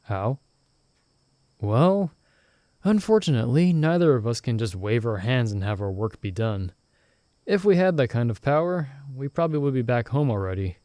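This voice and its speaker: In an audio roleplay, a man voices a soft-spoken young companion who calmly and gently teases a stranded friend while reassuring them. He speaks at normal speed with a natural, ordinary mid-pitch male voice, recorded close and dry with no room sound.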